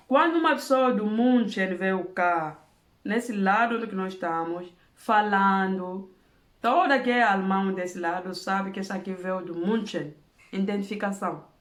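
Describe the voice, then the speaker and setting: At home in Germany, a woman from Angola with an Angolan Portuguese accent delivers an impassioned monologue of earnest, emphatic advice. Her voice is a little high and sounds reverberant.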